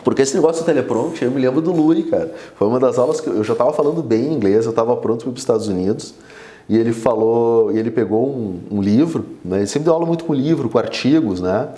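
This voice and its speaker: A man with a lilt tells stories as an interview guest, his voice dark and mellow. He keeps dropping little tags like "né" and "cara" as he talks. The room gives his voice a noticeable echo. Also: mid-range voice, quick pace. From Brazil. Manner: animated storyteller, many fillers like 'né' and 'cara'. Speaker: oral surgeon guest. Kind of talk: casual interview chat. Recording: roomy echo.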